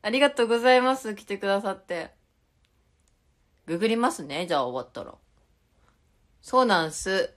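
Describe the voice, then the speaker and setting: A woman's voice: mid-range voice, animated, a little fast, pauses often, fairly bright tone. A young woman with a Tokushima dialect, chatting casually on a live stream and reading viewer comments aloud with frequent giggles. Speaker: idol livestreamer.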